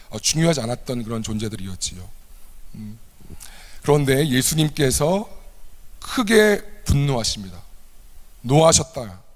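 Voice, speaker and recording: A man's voice: medium pitch, big-room sound. A man preaching a sermon to a youth service, acting out quoted lines with a raised voice. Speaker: youth ministry pastor. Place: church.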